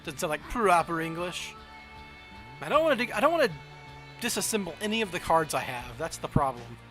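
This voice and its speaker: A Southern-accented man from the US South livestreams a card game, chatting casually, reasoning out loud and questioning his own moves. His fairly high, a bit bright voice swings widely in pitch at a fairly quick clip, with faint music behind.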